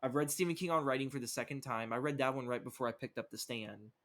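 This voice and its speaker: A young man talks casually on a podcast, rambling from one thought to the next and swearing freely. His voice sits at an ordinary middle pitch. He leans heavily on fillers and quick restarts. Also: steady tone, fairly bright tone. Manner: rambling, profane, lots of fillers. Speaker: podcast co-host. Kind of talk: casual chat.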